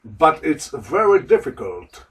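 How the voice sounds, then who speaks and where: A man slowly and carefully repeating lines for a language lesson. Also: a little high, sing-song, a bit bright, distant mic, low-quality recording. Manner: slow, careful, repetitive. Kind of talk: slow repeat-after-me drills.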